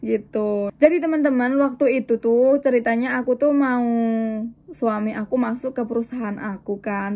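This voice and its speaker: A young woman from Indonesia who vlogs about life in Japan, chatting casually with viewers and acting out the conversations in her story. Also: medium pitch. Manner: chatty, animated, acts out dialogue in quotes. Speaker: vlogger living in Japan.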